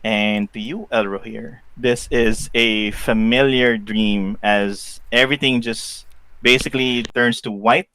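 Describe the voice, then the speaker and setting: A man's voice: medium pitch, fairly even intonation, unhurried, bright, forceful tone, smooth, no room sound. A man running a tabletop game as game master, hesitant with many fillers.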